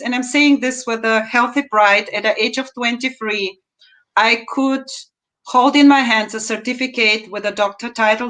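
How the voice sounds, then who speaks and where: The poor audio carries a fairly high-pitched, sharp-toned woman in her fifties with a Bulgarian accent. She is an interview guest on a video call from a room at home, recounting her personal story in measured, deliberate answers with emphatic rises.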